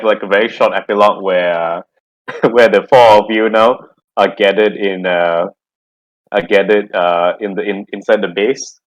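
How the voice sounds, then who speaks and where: A man's voice: on the low side, poor audio. A man acting as game master, narrating a tabletop game casually with lots of restarts and laughter. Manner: rambling, restarts, frequent laughs.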